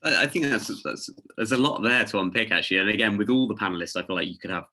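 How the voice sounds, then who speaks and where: A man hosting a webinar over a video call, asking long, rambling interview questions with halting restarts. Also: fairly low pitch, bright, forceful tone. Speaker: webinar host.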